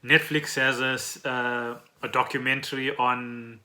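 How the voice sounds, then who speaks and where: Speaking a little slowly in a medium-pitched, sharp-toned voice with little pitch movement, a South African man co-hosts a podcast. He chats casually, explaining trending news informally.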